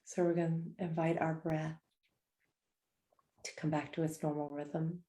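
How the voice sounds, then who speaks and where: A woman leading a guided breathing meditation, speaking softly and slowly with gentle invitations. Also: low-pitched, little pitch movement, poor audio. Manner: soft, slow and soothing, gentle invitations.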